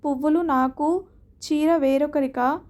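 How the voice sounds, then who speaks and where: A woman's voice: high voice, fairly even intonation, unhurried, darkish tone. A woman voicing a hurt, jealous young wife who accuses her husband in a read-aloud story. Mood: bitter. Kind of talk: storybook reading.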